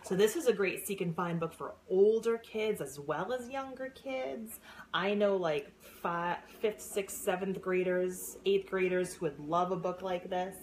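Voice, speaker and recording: A woman's voice: on the low side, measured pace, a little hiss or hum, poor audio. A middle-aged woman gushing over new books in a casual unboxing vlog, squealing and gasping with delight. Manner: gushing, excitable, squeals and gasps. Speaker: book seller and former science teacher.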